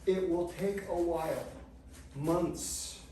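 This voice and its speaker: A middle-aged man giving measured, technical step-by-step exercise instruction in short phrases. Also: high-pitched, mellow. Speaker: movement class instructor. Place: large indoor studio with treatment tables. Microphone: far camera microphone. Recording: distant mic, very echoey, noisy room.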